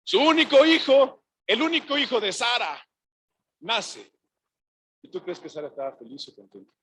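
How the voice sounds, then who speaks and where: A man's voice: very high voice, big pitch swings, normal speed, fairly bright tone, slightly rough, poor audio. A male pastor from Mexico preaching a sermon, often asking the congregation "yes or no?" and retelling scenes in quoted voices. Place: church sanctuary.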